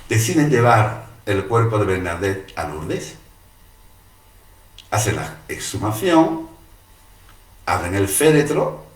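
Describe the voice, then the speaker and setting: A man telling a story in a dramatic, animated way and acting out the voices. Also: fairly low pitch. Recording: roomy, distant mic.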